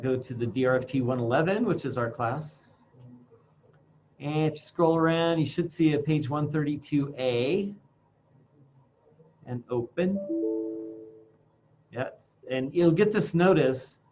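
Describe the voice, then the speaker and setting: A man teaching an informal classroom software demonstration, speaking haltingly through a face mask and thinking aloud as he goes. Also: fairly high pitch. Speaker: instructor. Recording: dull lo-fi sound, faint background noise.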